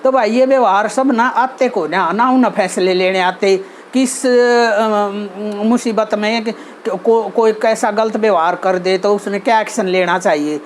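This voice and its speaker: A woman's voice: mid-range voice, unhurried, hardly any pauses, slight background noise. A woman with a Haryanvi accent hosting her channel, talking earnestly about social behavior with many fillers and restarts. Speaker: channel host giving advice. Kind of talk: casual talk on social behavior.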